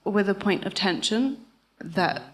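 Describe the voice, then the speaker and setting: A woman on a live book panel, speaking chattily with small laughs and quick self-corrections. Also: mid-range voice, lively intonation. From Scotland. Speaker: panelist, writer. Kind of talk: casual chat at a live panel.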